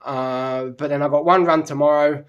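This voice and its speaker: A middle-aged British man talks casually to camera after a run, still a bit out of breath. His voice sits a touch high for a man and is recorded close and dry. He rambles with many fillers and restarts. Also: steady tone, moderate pace, smooth, no room sound, lo-fi sound. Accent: British English. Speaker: running vlogger.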